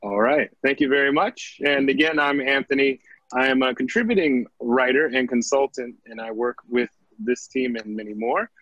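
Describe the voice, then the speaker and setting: A man's voice: medium pitch, normal speed, fairly bright tone, no echo. A man from the United States moderating a casual online panel discussion and steering the conversation. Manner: friendly, steering the talk. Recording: dry, dull online call audio.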